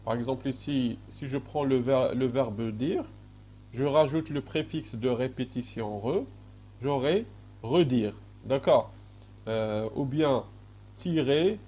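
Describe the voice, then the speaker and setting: A man with an Algerian French accent delivers a recorded university lecture in a warm, medium-pitched voice. He speaks slowly, hesitates often, and keeps checking in with his students by asking "d'accord?"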